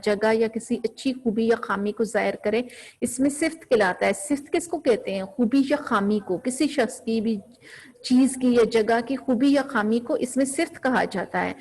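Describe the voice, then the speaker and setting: A woman's voice: a little high, a little mellow. A woman teaching a grammar class, asking her students questions and then answering them herself.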